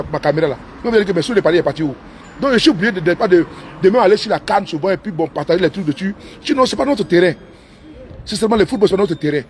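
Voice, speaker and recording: A man with a notably high voice rambles on in a loose livestream monologue, repeating himself and drifting into broken English. He is recorded on a phone inside his car while the engine runs, with a faint hum of noise behind him. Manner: repetitive, talkative, mixes in broken English. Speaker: live streamer.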